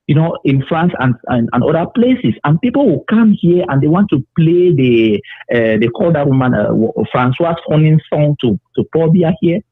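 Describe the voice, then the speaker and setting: A male caller, fervent and halting, full of fillers. His voice comes through a tinny phone line, husky and dry. The sound is boxed-in and narrow. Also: a little high, no echo. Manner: impassioned, halting with many fillers. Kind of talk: phoned-in political comment.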